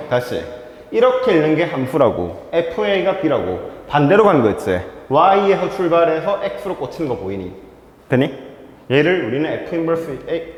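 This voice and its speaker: A male math teacher giving a whiteboard lecture to students, checking in with them constantly between steps. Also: on the high side. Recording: echoey classroom with faint noise.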